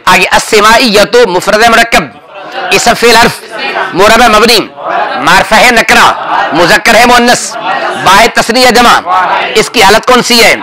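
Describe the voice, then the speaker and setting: A man teaching a classroom grammar lesson, drilling his students with rapid questions and calling out answers. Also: sits high, a crowd in the background, poor audio. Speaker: religious teacher.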